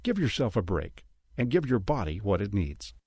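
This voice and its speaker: A man reading a radio commercial in an energetic, persuasive way. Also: lowish voice, moderate pace, slightly rough, no echo, studio quality. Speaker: ad announcer.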